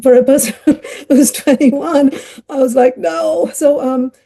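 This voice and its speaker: In a high, mellow voice with a steady tone, a middle-aged Ghanaian-raised woman takes her time telling her life story. She's a child psychiatrist guesting on a podcast, and the conversational interview is loose and chatty, sprinkled with fillers and laughter.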